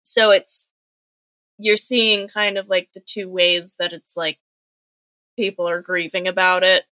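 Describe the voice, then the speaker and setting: A young woman in casual podcast chat, retelling a comic book story with lots of filler words and quick acted-out quotes. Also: fairly low pitch, flat delivery, pushed and bright, no echo. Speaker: podcast co-host.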